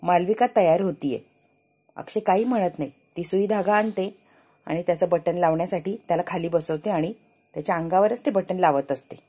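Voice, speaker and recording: A woman's voice: fairly low pitch, a little fast, slightly rough. A woman narrating a chatty, casual recap of a TV serial episode. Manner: chatty, lively retelling.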